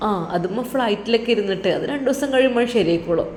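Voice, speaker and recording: A woman voicing an adult son living far from home, who talks softly and reassuringly to his mother. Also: fairly high pitch, animated, very fast, close to an everyday voice. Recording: roomy with faint background noise.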